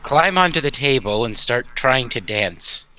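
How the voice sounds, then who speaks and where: A man's voice: medium pitch, lively intonation, unhurried, pushed and bright. A man playing a tabletop game, casually describing his character's actions in the first person.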